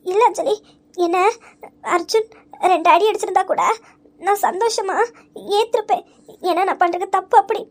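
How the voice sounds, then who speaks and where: A woman's voice: very high-pitched, moderate pace, pauses often, darkish tone. A woman playing a sobbing remorseful young woman. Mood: tearful. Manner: sobbing, stammering apologies. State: crying. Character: remorseful young woman, tearful and self-blaming. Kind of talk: audio story acting.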